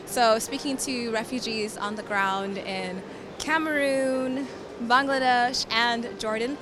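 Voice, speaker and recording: Talking slowly and steadily in a slightly high voice, a Sudanese-born poet raised in Philadelphia reflects earnestly on her work in an interview, repeating words as she gathers her thoughts. She advocates for climate refugees. The background is noisy, with clear music under her voice.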